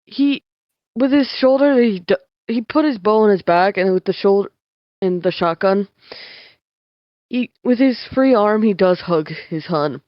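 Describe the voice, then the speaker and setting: A woman playing a tabletop game, narrating her character's actions in halting bursts in casual role-play. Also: medium pitch, animated, no room sound. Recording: dull lo-fi stream mic.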